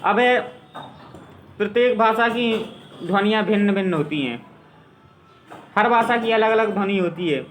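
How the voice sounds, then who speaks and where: A man teaching a school grammar lesson, explaining slowly and repeating his examples. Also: high-pitched, fairly bright tone, a little hiss or hum, rough recording.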